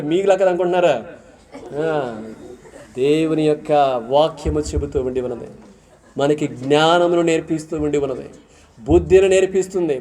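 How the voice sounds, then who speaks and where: A high-pitched male preacher, leading an interactive sermon. He keeps throwing questions at the congregation and pressing them to answer loudly. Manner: calls out questions and urges listeners to answer aloud.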